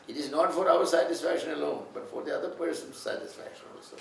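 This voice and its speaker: A man's voice: a little high, fast, gravelly. A man with a Malayali English accent preaching a sermon in short phrases, chuckling often. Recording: echoey room, distant mic, faint hiss.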